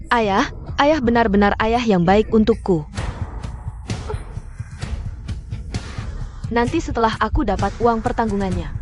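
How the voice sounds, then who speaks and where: Brief: woman voicing a two-faced adopted daughter, sweet and high, venom underneath, dubbed mini-drama. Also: natural voice. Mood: sweetly menacing. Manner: sugary coaxing turning cold and mocking.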